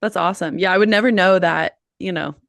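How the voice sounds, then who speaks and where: A woman's voice: fairly low pitch, a little fast, gravelly, a bit bright, no room sound, clean studio sound. A woman hosting a casual podcast interview, asking long rambling questions full of fillers. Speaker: podcast host.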